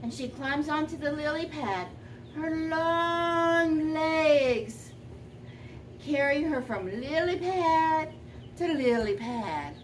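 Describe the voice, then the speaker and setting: A woman voicing a sweet, gentle old granny who tells a children's story expressively, lingering on and repeating words. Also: high voice, lively intonation, takes it slowly. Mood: excited concern. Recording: distant microphone, faint background noise.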